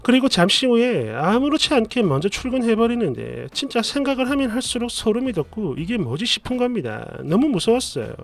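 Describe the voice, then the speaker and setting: High, lively male story narrator. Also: a little fast, creaky, hardly any pauses. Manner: expressive, exasperated retelling. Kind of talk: storytelling narration of a reader's post. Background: faint background music.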